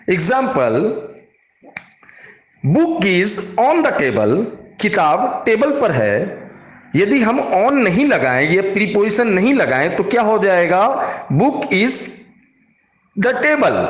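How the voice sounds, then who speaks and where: Man teaching Japanese with lively, slow delivery. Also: high voice, roomy sound. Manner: explains slowly, repeating words and spelling out English examples. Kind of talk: classroom-style grammar lesson.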